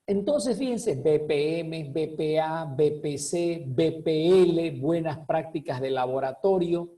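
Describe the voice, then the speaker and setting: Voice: medium pitch, takes it slowly, warm tone, distant mic. A food quality control teacher giving a recorded class lecture. The teacher explains with rhetorical questions, often checks in with "ok?", and repeats key words for emphasis.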